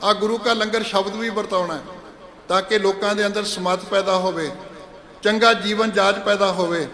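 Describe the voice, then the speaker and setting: High bright-voiced Sikh preacher in echoey hall. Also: male voice, fairly even intonation. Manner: chants verses slowly, then explains in conversational Punjabi. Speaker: Sikh preacher giving katha. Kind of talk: sermon expounding scripture. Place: large gurdwara hall. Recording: echoey hall with long reverb.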